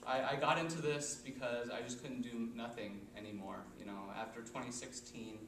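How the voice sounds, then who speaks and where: A young man from Missouri giving a casual political candidate's opening statement, quick and full of fillers. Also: medium pitch, fairly even intonation, fairly bright tone. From Missouri, USA. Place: meeting chamber. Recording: echoey hall, far off mic, noisy.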